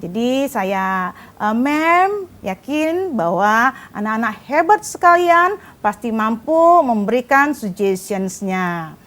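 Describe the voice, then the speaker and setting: High-voiced woman teaching a class. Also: very animated, slow pace, fairly bright tone. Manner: explains in Indonesian, switching often into English; addresses students directly, patient teacherly tone. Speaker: vocational school English teacher. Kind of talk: televised online class lesson.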